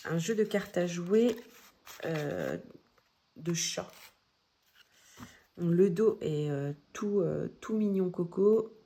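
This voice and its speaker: A woman with a low, mellow voice speaks slowly and gently. She shows off her new card decks in a relaxed, unhurried way, with many small pauses and fillers. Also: slight background noise. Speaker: tarot deck vlogger. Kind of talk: casual show-and-tell.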